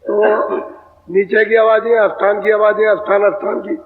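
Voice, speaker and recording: A man giving a devotional sermon, explaining verses slowly and repeating phrases as he teaches. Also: high-pitched, level tone. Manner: slow, repetitive expository preaching, prompting chanters. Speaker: spiritual teacher giving satsang. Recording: echoey hall over a tinny lo-fi line.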